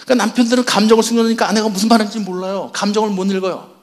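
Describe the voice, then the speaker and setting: A man with a fairly high voice speaks to a church audience at a marriage seminar. He keeps quizzing the listeners and slips into playing husbands and wives as he goes. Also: steady tone, rapid-fire. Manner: asks the audience questions and acts out spouses' lines. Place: church hall before an audience.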